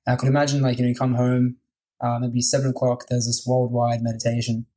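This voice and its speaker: A male podcast host with a mellow, dark-toned voice and a mid-range pitch. He talks with keen enthusiasm in a loose, casual way and leans heavily on "like" as a filler. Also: completely flat delivery, fast, rough recording.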